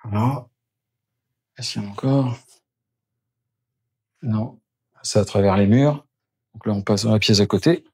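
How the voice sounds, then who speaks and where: A geobiologist doing an energy clearing moves between the rooms of a house, demonstrating on the spot and describing each step for the camera. His lowish voice is warm and husky, unhurried with long pauses, and there's no room sound.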